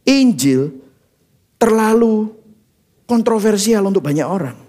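Man, pastor, animated sermon, lively intonation, slightly high voice. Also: a little slow. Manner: animated preaching, leads congregation in reading aloud; mimics congregants' reactions in quoted asides.

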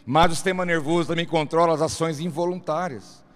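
A man's voice: on the high side, fairly even intonation, a little fast. A man with a Brazilian Portuguese accent giving an emphatic motivational sermon, speaking straight to his listeners. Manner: emphatic, addresses listeners directly. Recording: reverberant hall.

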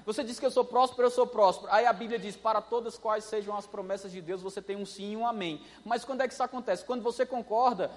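A man preaching a sermon, telling a story in an animated way and acting out the voices. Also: high voice, fast, hardly any pauses, big-room sound.

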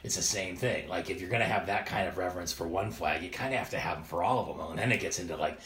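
A podcast host with a low, fairly bright voice talks quickly, rambling and exasperated and swearing as he recaps an animated show in a casual comedic chat. His voice carries a cave-like reverb.

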